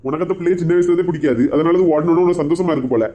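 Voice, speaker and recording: Brief: a woman putting on a mellow, fast-talking grieving dad, Kanyakumari Tamil accent, dull lo-fi sound. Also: fairly low pitch, voice pushed down, natural voice. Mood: sulky. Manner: pleading, complaining, sulky. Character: grieving soft-hearted father and husband.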